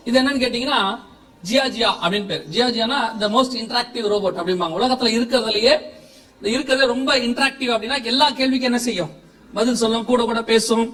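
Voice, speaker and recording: A man with a strikingly high voice preaches in Tamil with a Tamil accent, throwing questions to his listeners and laughing along. He sounds a little far from the mic, in an echoey church hall. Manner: lively, questioning the congregation, frequent laughter. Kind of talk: sermon.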